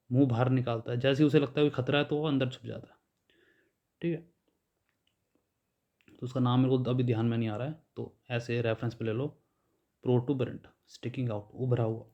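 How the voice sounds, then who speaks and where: A man's voice: mid-range voice, a little mellow, muffled recording. A man teaching an exam vocabulary lesson in Hindi mixed with English, explaining each word with everyday examples.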